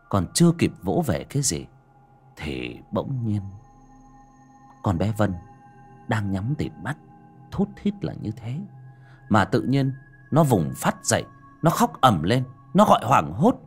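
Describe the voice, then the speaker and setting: A man's voice: lowish voice, a little mellow, breathy edge. A man narrating a spooky story as an audiobook, dramatic and building suspense.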